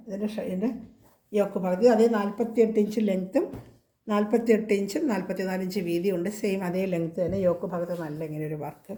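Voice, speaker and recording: A woman with a Kerala Malayalam accent and a slightly hoarse voice from a cold, chatting casually as she shows clothing for sale. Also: medium pitch, warm tone, reverberant. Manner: chatty, repeats prices and sizes. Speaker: clothing seller. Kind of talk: casual product showcase.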